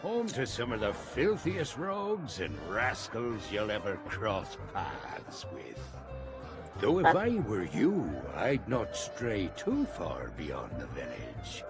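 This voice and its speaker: A weathered pirate holds court in a tavern, played by a man, his low voice rolling through wide swings of pitch. He takes his time, drawing out every tale. Game music plays beneath him. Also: exaggerated voice. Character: weathered male pirate in a tavern, chatty and gruff. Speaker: non-player character. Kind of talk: video game voice acting. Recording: game audio with music bed.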